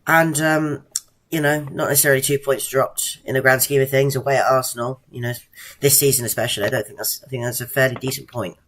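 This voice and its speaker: Measured, hesitant man. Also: medium pitch, little pitch movement, fairly bright tone. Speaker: podcast co-host. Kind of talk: casual football chat.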